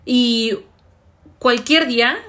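A woman's voice: fairly high pitch, drawn-out words, a bit bright. A young woman, casually asking questions and thinking aloud on a podcast. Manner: questioning, searching for words with many fillers. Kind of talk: casual chat.

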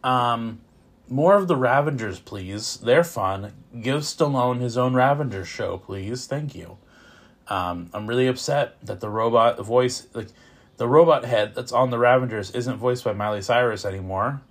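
A man with a medium-pitched voice reviews films in casual, unscripted talk. He's opinionated and informal, and his delivery is halting, repeating words as he goes.

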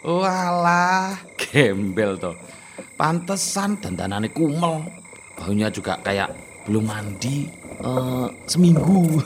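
An actor playing a bold, nosy young man, teasing and swinging from loud to soft in a radio drama. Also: medium pitch, sing-song, slow pace, slight background noise. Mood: eager.

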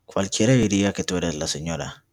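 A young man reading aloud as a proud young lady of the house who gives sharp commands. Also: mid-range voice, lively intonation, a little fast, vocal fry, voice pushed up. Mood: commanding. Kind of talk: amateur reading of a novel.

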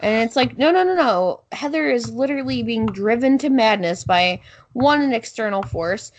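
A woman co-hosting a casual movie chat, opinionated and quick to cut in. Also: fairly high pitch, animated. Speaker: podcast co-host.

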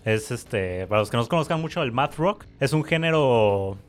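This is a Mexican-accented man co-hosting a music podcast, telling stories in loose, relaxed slang. His voice sits at a middle pitch, and faint music plays underneath. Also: normal speed. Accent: Mexican Spanish. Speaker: podcast co-host. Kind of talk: casual chat.

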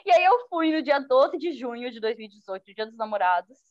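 High-voiced woman journalist telling stories. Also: a little fast, no echo. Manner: lively, acts out quoted speech. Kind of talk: personal storytelling in an interview. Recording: dull lo-fi dry sound.

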